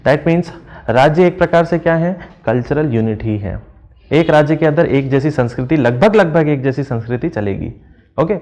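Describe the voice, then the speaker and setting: A man teaching an exam-prep lesson, walking through answers step by step and asking questions that he then answers himself, reading phrases slowly and translating them. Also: medium pitch, a little mellow, dull audio.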